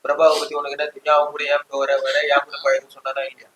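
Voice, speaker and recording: A bright, quick male voice, played by an actor, pushing his accusations insistently. A faint room ambience sits behind him. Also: a little high, monotone, slight background noise, close to an everyday voice, poor audio. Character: older man housemate, meddling and loud, Muthanna.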